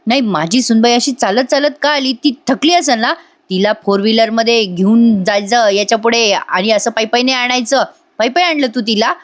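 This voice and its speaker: A woman's voice: on the high side, fairly quick, close to an everyday voice. Give me a woman putting on a doting elderly father-in-law, fretful and bossy, with a raised voice. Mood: fussing. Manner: fussy, scolding then coaxing.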